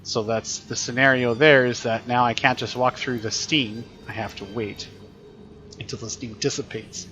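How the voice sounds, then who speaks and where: A man's voice: medium pitch, steady tone, moderate pace, pushed and bright, slight background noise. Chatty man explaining while gaming. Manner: chatty and explanatory, thinking aloud. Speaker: teacher streaming gameplay. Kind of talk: casual gameplay commentary.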